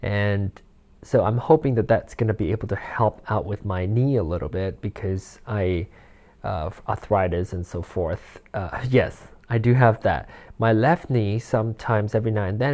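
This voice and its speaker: Rustle from a handheld or desk mic accompanies this solo podcast, where a 40-something male host rambles casually, restarting sentences, using fillers and chuckling frequently. His voice sits on the low side with a darkish tone.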